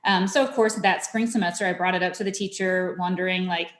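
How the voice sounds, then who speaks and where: A woman's voice: lowish voice, fairly even intonation, brisk. Chatty woman telling a story, echoey room. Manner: chatty, many "like" and "you know" fillers. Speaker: podcast guest, mother of dyslexic children. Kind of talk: casual storytelling in an interview.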